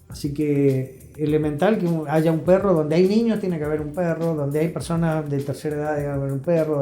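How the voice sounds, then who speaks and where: This interview guest, an Argentine-accented health professional, speaks with a slightly high voice and dark tone. His conversational advice is emphatic, with phrases repeated for effect, set against background music and a roomy echo.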